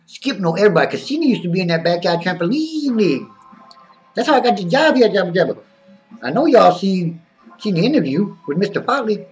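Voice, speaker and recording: A man's voice: sits high, very animated, fast, recorded from a distance, soft background music. A man voicing a zany, boastful male wrestling-fan character who drawls and talks about himself in the third person.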